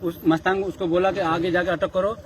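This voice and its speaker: A man's voice: high-pitched, flat delivery, fairly quick. Agitated man recounting an attack. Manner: urgent, repetitive, pleading. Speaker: party worker describing an attack. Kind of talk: agitated street interview account. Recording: loud crowd behind.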